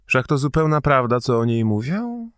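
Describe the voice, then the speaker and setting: A man reading an audiobook, voicing a sly, condescending middle-aged man who speaks slowly and sneeringly. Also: sing-song, clear, resonant tone, dry recording, clean studio sound, natural voice. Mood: insinuating. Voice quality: slow, low, sneering. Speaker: audiobook reader.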